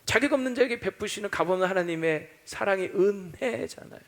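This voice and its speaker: A man's voice: sits high, lively intonation, brisk. A male pastor preaching a sermon, acting out doubting voices and quoting scripture as he goes.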